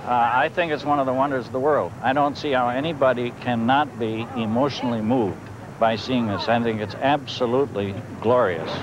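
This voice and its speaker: A man's voice: medium pitch, fairly quick, noisy background. A man, a cruise passenger, speaking earnestly outdoors on a ship deck. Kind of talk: casual interview remarks.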